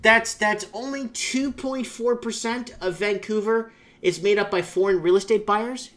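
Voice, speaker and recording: A man with a high, somewhat bright voice speaks unhurriedly while hosting his own YouTube channel. Portuguese is his first language, and his opinionated commentary on viewer comments wanders, packed with fillers and restarts.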